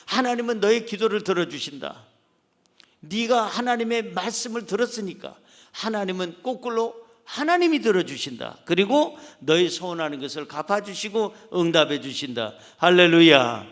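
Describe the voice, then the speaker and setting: A man's voice: high voice, sing-song, normal speed. A male pastor preaching a sermon with emphatic delivery, acting out short quoted voices. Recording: long church-hall reverb.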